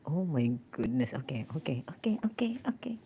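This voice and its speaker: A woman's voice: sits low, sing-song, brisk, mellow, slight background noise. A chatty, giggly woman, live-streaming casually and talking into a phone held close to her mouth. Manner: giggly, chatty, mixing Tagalog words.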